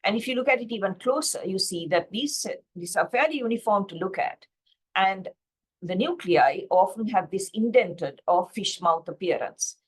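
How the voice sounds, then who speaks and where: A woman's voice: medium pitch, animated, moderate pace, slightly rough. Woman from Sri Lanka teaching pathology. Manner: explanatory, frequent fillers and self-corrections. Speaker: pathology lecturer. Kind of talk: slide-based teaching lecture.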